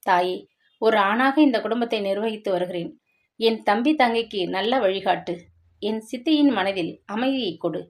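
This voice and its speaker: A woman voicing a devoted young woman teacher who speaks gently and earnestly, in a dramatic story reading. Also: mid-range voice, moderate pace, close to an everyday voice. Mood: gentle.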